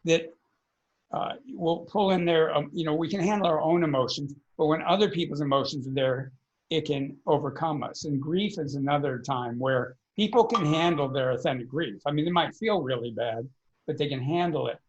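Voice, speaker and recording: A man's voice: a little high, moderate pace, highs cut off, slight background noise. A man, a podcast guest, earnestly explaining energy work in a conversational interview, often repeating words as he thinks.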